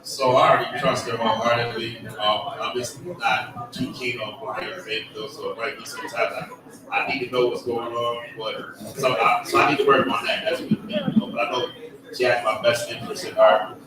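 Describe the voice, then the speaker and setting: A man's voice: mid-range voice, expressive, normal speed. A man answering a panel question in a casual group talk, reflective and self-assured as he explains himself. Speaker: panel guest. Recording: very echoey room, distant mic, crowd behind.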